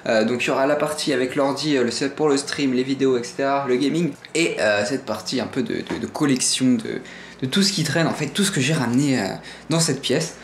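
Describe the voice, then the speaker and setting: A man's voice: medium pitch, fairly quick. Young french guy touring his gaming room, lots of euh and restarts, playful, a bit of room hiss. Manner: rambling, lots of hesitations and self-corrections; playful and enthusiastic about collectibles. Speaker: gaming streamer showing his setup. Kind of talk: casual room tour vlog.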